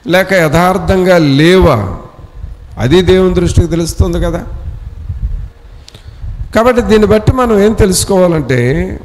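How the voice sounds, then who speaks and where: A man's voice: sits high, darkish tone, slight background noise. Preacher man in a reverberant hall. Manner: exhorting with repeated rhetorical questions; leads scripture reading line by line. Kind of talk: sermon. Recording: long reverb in a church hall.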